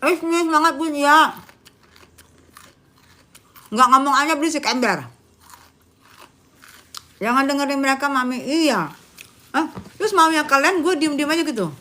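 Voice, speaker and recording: Live-stream host, woman, bright higher voice, chatty and laughing. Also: lively intonation. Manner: chatty, laughing, quick swings between loud and hushed. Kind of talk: casual live-stream chat.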